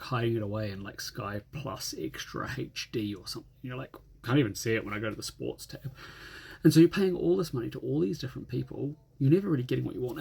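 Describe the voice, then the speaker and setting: Middle-aged male, New Zealand accent, for a casual grumbling rant; brisk delivery, gravelly fry in the voice. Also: mid-range voice. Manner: grumbling, exasperated old-man rant, mildly sweary. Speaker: rugby fan.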